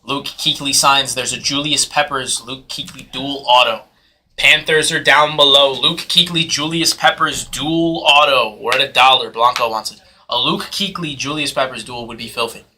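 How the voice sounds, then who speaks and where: A man hosting a live sports card break, calling auction bids in hyped, fast patter. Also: medium pitch, pushed and bright. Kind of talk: live sales commentary.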